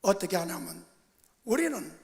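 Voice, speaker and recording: An older man preaching a sermon as senior pastor. He tells stories, moving between soft asides and emphatic bursts. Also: high-pitched, sing-song, normal speed, vocal fry. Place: church sanctuary. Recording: reverberant church sanctuary.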